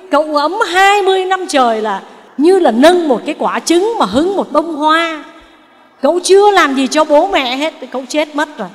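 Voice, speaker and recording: A Buddhist nun giving a dharma talk, telling a story and asking her listeners questions. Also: sits high. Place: temple hall. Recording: long hall reverb.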